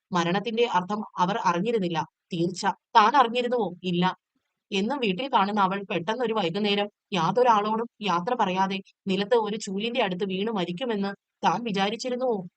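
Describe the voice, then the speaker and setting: A woman tutor reading a textbook short story aloud in a steady, measured storytelling way. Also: mid-range voice, no echo.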